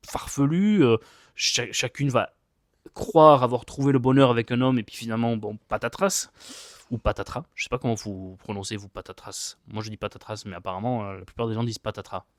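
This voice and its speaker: A man's voice: medium pitch, no room sound, clean studio sound. A man casually reviewing manga he has read, chatty and rambling, with many hesitations and repeated words, joking about his own English accent.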